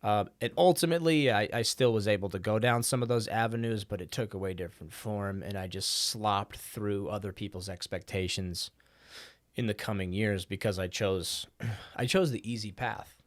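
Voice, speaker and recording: A young male podcast co-host chats casually and animatedly, laughing often and acting out the voices of people in his stories. His voice is fairly low, he talks at a normal speed, and there is no room sound.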